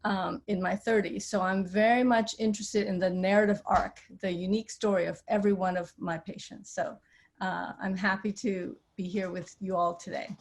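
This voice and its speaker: A woman's voice: medium pitch, fairly even intonation, moderate pace. Woman psychiatrist explaining on a video call. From Vietnam. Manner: conversational, explains with everyday analogies. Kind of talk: webinar talk.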